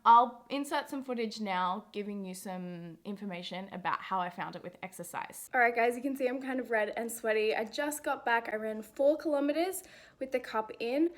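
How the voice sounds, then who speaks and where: Young aussie woman vlogging a product review, chatty, says like a lot, fairly high voice. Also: fairly bright tone. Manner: chatty and encouraging, frequent "like" fillers. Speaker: women's health video host. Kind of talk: casual product review vlog.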